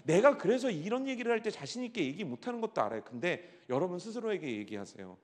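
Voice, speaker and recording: A middle-aged man preaching a youth-worship sermon, teasing the crowd, dropping to a hush and then rising to a shout. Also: sits high, fast talker. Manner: animated, teasing the audience, swings from hushed to shouting. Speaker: pastor. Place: large church hall. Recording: long hall reverb.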